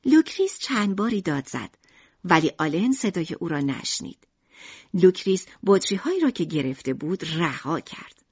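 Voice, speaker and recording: Expressive, husky woman storyteller. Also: on the low side, no room sound, muffled recording. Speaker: narrator. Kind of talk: audiobook narration.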